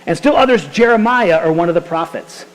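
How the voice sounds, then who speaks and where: A man preaching a sermon as pastor, lively and conversational with casual slang. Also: high-pitched, fairly quick, big-room sound, a little hiss or hum, low-quality recording. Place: church sanctuary.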